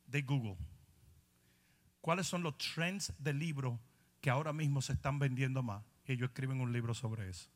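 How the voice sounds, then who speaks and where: A man's voice: medium pitch, normal speed, big-room sound. A man pastor preaching a sermon in a challenging, confrontational way.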